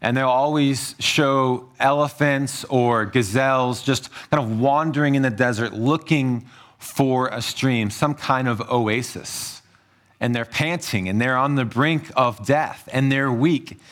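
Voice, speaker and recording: A man preaching a sermon as pastor, earnest, moving between hushed low passages and raised emphatic ones. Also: a little slow.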